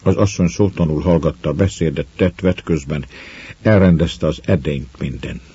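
Deep man reading a story aloud, measured, husky dark voice, dull dry sound. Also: no echo. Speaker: narrator. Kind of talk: audiobook reading of a novel.

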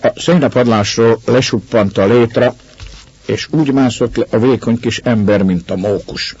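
A man reading a story aloud in measured, steady narration. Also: mid-range voice, breathy edge, lo-fi sound. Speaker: audiobook narrator.

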